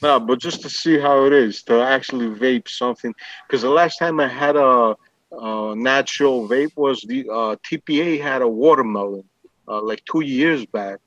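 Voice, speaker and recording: Middle-aged male, New York accent, casual and halting, dry but dull video-call sound. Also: mid-range voice, a bit bright, dry recording. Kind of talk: casual chat.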